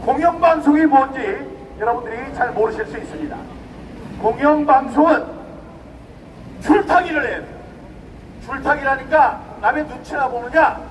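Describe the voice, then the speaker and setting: High-voiced middle-aged man rallying a crowd. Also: normal speed, pauses often. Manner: emphatic, rhetorical, addresses the crowd directly. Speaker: rally speaker. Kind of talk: outdoor protest speech. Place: outdoor rally. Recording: distant mic outdoors, faint noise.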